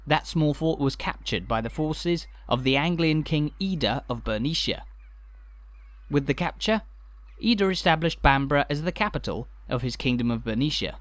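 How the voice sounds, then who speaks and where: A man with a slightly high voice narrates a walking tour from a script. His delivery is measured and informative, with a light, dry humour. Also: no echo.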